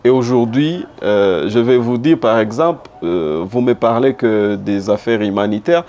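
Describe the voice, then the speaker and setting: A Congolese-accented man from DR Congo, a politician and former humanitarian worker, answers a broadcast interview emphatically, repeating phrases for rhetorical effect. His voice is medium-pitched, unhurried, and a little mellow. The recording sounds muffled, with background noise and room ambience.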